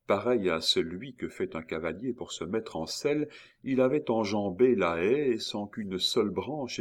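A male narrator reads a classic novel at a very unhurried, deliberate pace. His voice sits fairly low, and he slips in an occasional hesitant filler. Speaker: audiobook narrator.

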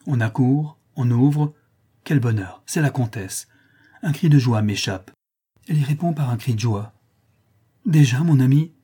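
A man narrates a classic novel in the first person with dramatic, impassioned phrasing. His voice is dark and mellow with a husky edge, at a middling pitch. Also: moderate pace. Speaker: audiobook narrator.

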